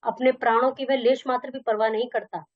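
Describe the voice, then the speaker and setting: A woman's voice: a little high, steady tone, fairly quick, no room sound. A young woman teaching a Hindi lesson, reading textbook lines and explaining them in casual Hindi with some English. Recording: dull dry lo-fi recording.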